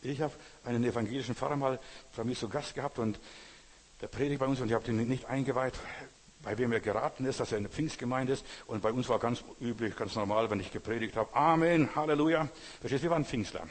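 A husky-voiced male pastor delivers a sermon with emphatic repetition, now and then breaking into loud, ringing exclamations. His voice rolls through a church hall with a long reverb tail. He speaks at a middling pitch, fervent and insistent. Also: fast. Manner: emphatic preaching, repeating phrases, rising to loud exclamations.

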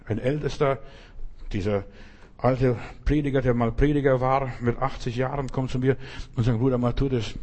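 A man preaching a conversational sermon, talking straight to one listener and acting out the stories he tells. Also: mid-range voice. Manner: speaks directly to one listener, often asks "weißt du"; animated storytelling, acting out quoted voices.

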